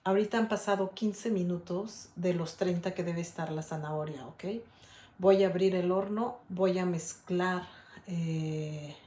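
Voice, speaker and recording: A woman's voice: fairly low pitch, unhurried, mellow, reverberant. A woman from Guadalajara with a Mexican Spanish accent, demonstrating a recipe at home and chatting casually with her viewers. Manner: chatty, stubborn, keeps asking "¿ok?". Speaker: cooking video host. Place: home kitchen.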